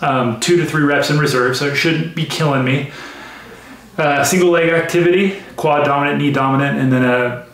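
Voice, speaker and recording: A man's voice: mid-range voice, fairly bright tone, echoey room. A man explaining his workout between sets in a casual training vlog, out of breath and using a lot of fillers. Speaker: golf speed trainer. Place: small gym room.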